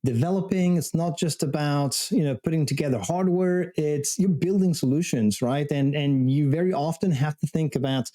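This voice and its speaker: A man's voice: a little high, moderate pace, few pauses, warm tone. A man hosting a tech interview show, chatting in an upbeat, easygoing way. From France. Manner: chatty, upbeat, with small laughs. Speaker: show host.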